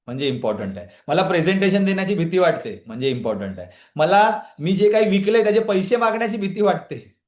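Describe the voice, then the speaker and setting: A man's voice: sits high, quick pace, roomy sound. A man leading a live online motivational session, questioning his listeners and prompting them to answer in the chat. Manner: energetic motivational talk, questioning the audience, often addressing a live chat. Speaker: trainer leading a women's empowerment session.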